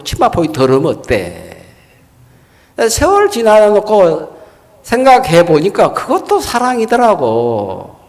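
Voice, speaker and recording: Older pastor preaching in a reverberant hall. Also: male voice, fairly high pitch. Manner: folksy storytelling with rhetorical questions. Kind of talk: sermon. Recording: long reverb in a large hall.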